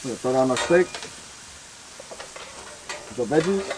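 A man's voice: mid-range voice, animated, takes it slowly, background noise. A man in his thirties speaking as a teppanyaki chef, giving casual step-by-step cooking instructions while he works. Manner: step-by-step, explanatory teppanyaki chef talk while working at the griddle. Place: outdoor covered deck by water. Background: music, sizzling griddle, utensils stirring.

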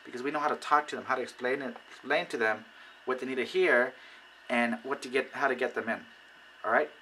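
A man giving casual how-to advice on recruiting people, animated and acting out conversations. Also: mid-range voice, a little fast, slight background noise, rough recording. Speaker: network marketing recruiter. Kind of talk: casual how-to video talk.

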